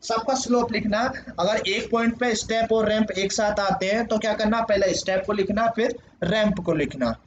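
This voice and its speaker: A man's voice: sits high, normal speed, few pauses. A young man teaching in a casual lecture, explaining step by step with many fillers and self-corrections. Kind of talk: casual Hindi lecture working a problem on screen. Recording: slightly dull lo-fi voice with faint background hiss.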